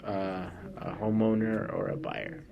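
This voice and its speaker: A man's voice: on the low side, very animated, measured pace, gravelly, muffled recording, crowd noise. A man co-hosting a podcast as a real estate agent, talking bluntly and swearing casually. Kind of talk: casual chat.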